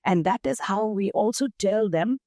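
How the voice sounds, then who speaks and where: An older woman with an Indian accent, speaking as a guest in an interview, measured and emphatic as she explains through lists of examples. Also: medium pitch, expressive, darkish tone, dry recording, studio quality. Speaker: guest, nonprofit founder. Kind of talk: interview conversation.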